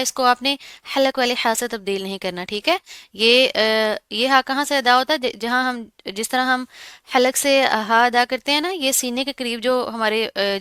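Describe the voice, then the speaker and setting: A woman's voice: fairly high pitch, bright, forceful tone, clean tone, no room sound. A woman teaching Quran recitation, who explains each sound patiently and asks and answers her own questions. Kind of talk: tajweed lesson, explaining and reciting.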